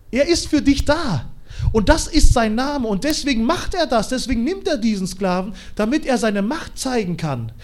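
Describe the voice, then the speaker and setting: Guy preaching, high voice that jumps all over, super animated and slangy. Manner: animated, colloquial, shifts between quiet and loud. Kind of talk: sermon.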